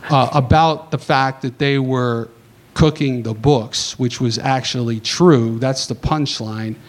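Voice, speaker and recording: A man on a conference panel telling a long anecdote in a casual, animated way, acting out the dialogue and tossing in quick asides. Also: fairly high pitch. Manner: animated, acts out dialogue, chatty asides with "right?".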